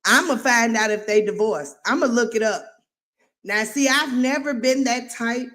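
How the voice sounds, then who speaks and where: A woman who stutters hosts a live reality show recap, her fairly high, fairly bright voice carrying emphatic, preachy commentary. She draws out her stresses.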